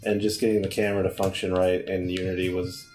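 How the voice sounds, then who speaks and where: Sarcastic man, low voice. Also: flat delivery, quick pace, darkish tone, soft background music. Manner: dry, sarcastic quips. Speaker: let's play co-host. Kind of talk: casual gaming chat.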